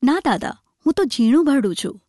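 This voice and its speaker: A woman's voice: high-pitched, sing-song, brisk, warm tone, no echo, clean studio sound. A woman doing an eager little village girl. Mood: coaxing. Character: little peasant girl, affectionate and lively.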